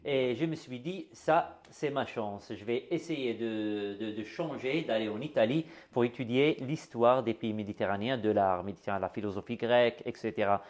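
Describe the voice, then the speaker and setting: A middle-aged man from Algeria, a guest artist in an interview, speaking warmly and repeating words with many fillers. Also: medium pitch, moderate pace, hardly any pauses. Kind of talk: interview conversation.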